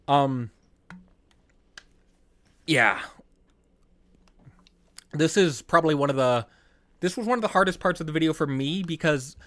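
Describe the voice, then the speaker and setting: A man casually talking through the making of his own videos, rambling, trailing off and restarting, with bursts of excitement. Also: medium pitch, dry recording. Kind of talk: casual behind-the-scenes commentary.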